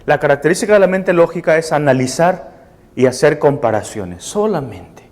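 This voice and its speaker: A man's voice: on the high side, lively intonation, normal speed, darkish tone. A man giving a live lecture to a seated class, explaining step by step and checking for agreement with short questions. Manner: explanatory, seeks assent with tag questions. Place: room with a seated audience.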